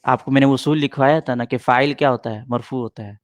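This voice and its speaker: A man's voice: medium pitch, fairly even intonation, no echo. Patient man teaching grammar, dry sound. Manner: patient, repeats points and answers students' questions. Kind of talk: classroom grammar lesson.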